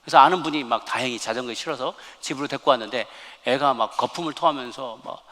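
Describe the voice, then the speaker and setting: A man's voice: medium pitch, fast, a bit bright. A man preaching a sermon as a pastor in a church sanctuary, telling a story emphatically and reading scripture aloud. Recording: long church hall reverb.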